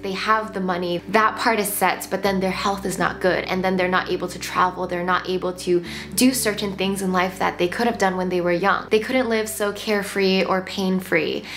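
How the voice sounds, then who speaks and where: A woman in her late twenties hosting a casual vlog, reflecting with gentle advice and lots of "like" fillers, filmed sitting on the floor at home. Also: mid-range voice. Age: 20s. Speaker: lifestyle channel host. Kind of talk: casual talking-head vlog. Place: home room, seated on the floor.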